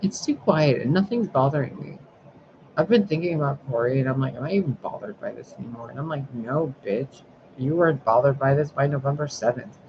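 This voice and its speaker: Speaking fairly quickly with lively intonation, a man with a mid-range voice vents about his day in a casual vlog. He's a spiritual sign reader who rambles and swears freely, and the lo-fi audio is dull with noticeable background noise.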